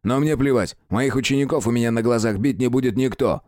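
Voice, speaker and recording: Man doing a gruff scolding fight master. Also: mid-range voice, fairly quick, darkish tone, no echo, studio quality, lightly acted. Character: harsh gruff male fight master, blunt.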